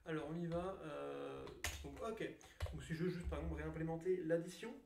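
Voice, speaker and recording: Rambling, gravelly-voiced young man teaching code. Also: on the high side, fairly even intonation, fairly quick, distant mic, background noise. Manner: rambling, self-mocking, many fillers and restarts. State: tired from little sleep. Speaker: programming tutor. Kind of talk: casual screen-recorded coding lesson. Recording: echoey room, voice a bit off-mic.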